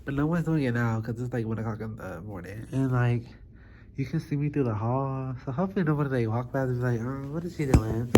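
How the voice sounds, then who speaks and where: A woman's voice: extremely low pitch, fast, background noise. A young woman vlogger chatting informally to her viewers in a small study room, with loose articulation. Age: young adult. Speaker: YouTube vlogger. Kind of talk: casual chat to viewers.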